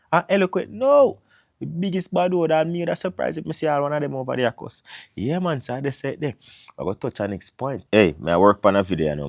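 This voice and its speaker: In studio-quality audio without echo, a thirty-something Jamaican vlogger delivers a casual monologue to camera. His fairly low, darkish voice carries a Jamaican accent, and he blends patois into his English.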